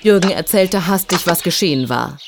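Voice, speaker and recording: A woman narrating a children's storybook in an expressive, measured reading. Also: lowish voice, vocal fry, noisy background.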